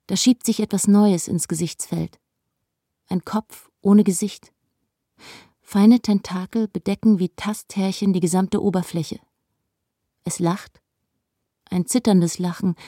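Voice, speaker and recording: A woman narrating a novel in a measured, calm storytelling voice. Her tone is dark and mellow. The studio sound is dry, with no room echo. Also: medium pitch. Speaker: audiobook narrator. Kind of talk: scripted narration.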